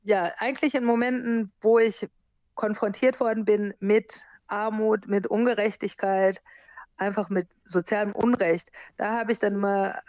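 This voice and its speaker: A woman in her forties, born in America and raised in Germany, talking about her life abroad in a relaxed interview and laughing now and then. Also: medium pitch, no room sound, muffled recording. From born in the US, grew up in Germany. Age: 40s. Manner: lively, laughs often while telling stories. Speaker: interview guest, surf instructor and hostel owner.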